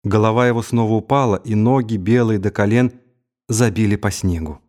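A man reading an audiobook as its narrator, in a measured, unhurried way. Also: fairly low pitch, darkish tone. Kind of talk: scripted narration.

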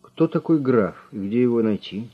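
A man voicing a calm, grim male detective who speaks in a measured, menacing way, on a slightly muffled recording. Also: mid-range voice, pitched above the performer's own voice, natural voice.

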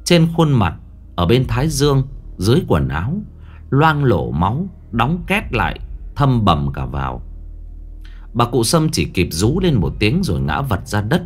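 A man narrating a ghost story in a lively, dramatic storytelling manner. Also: mid-range voice, measured pace, breathy edge. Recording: faint background music.

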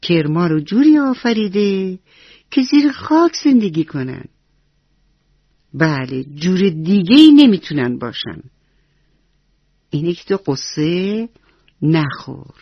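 A woman's voice: lowish voice, big pitch swings, long pauses, dry recording, lo-fi sound. A woman voicing a loving old grandmother who speaks in a tender, reassuring way.

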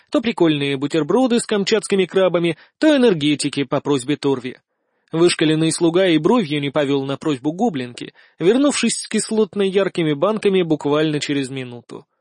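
A man narrating a first-person audiobook in a lively, ironic storytelling manner. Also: sits high, no room sound, clean studio sound.

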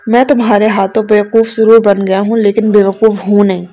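A woman's voice: mid-range voice, little pitch movement, dark tone, lightly acted. A woman voicing a bitter, angry young husband who speaks in a curt, contemptuous way. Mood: cold contempt.

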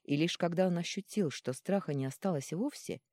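A woman narrating an audiobook in an expressive, dramatic reading style. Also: on the low side, fairly quick, no echo, studio quality.

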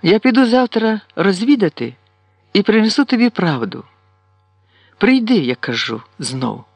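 A man's voice: high-pitched, big pitch swings, measured pace, dry recording, faint music behind, voice pushed up, exaggerated voice. A man doing a bitter old village woman. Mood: reproachful. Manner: aggrieved, reproachful.

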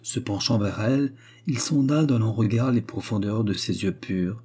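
A man reading a novel aloud as an audiobook narrator, measured and expressive. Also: lowish voice, breathy edge. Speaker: audiobook reader.

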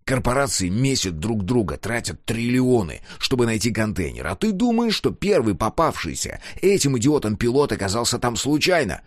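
A man's voice: medium pitch, very animated, normal speed, few pauses, no echo, studio quality, pitched above the performer's own voice. A man voicing a brutal, short-tempered male mercenary, cold and menacing in an audiobook.

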